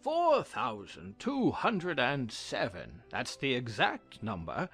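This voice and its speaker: A man's voice: medium pitch, wildly swooping pitch, takes it slowly, a bit bright, breathy edge, soft background music, heavily acted. A man playing a mild, fussily precise king in a storybook audio drama. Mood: fussy, pompous. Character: fussy, gentle, dithering King of Hearts.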